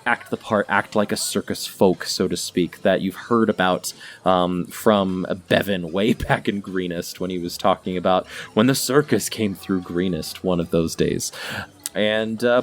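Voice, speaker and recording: A man improvising narration as game master of a tabletop role-playing game. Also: on the low side.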